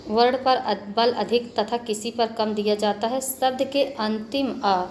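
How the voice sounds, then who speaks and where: A woman's voice: a little high, steady tone, unhurried, slight background noise. A woman teacher patiently explaining a grammar lesson to children, spelling out letters and repeating points. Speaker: school teacher.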